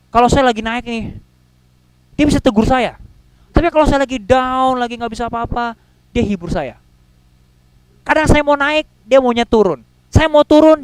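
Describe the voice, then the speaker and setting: High-voiced man preaching. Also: smooth, no echo, rough recording. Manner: casual slangy preaching with acted-out quotes and sudden loud and soft swings. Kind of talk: sermon.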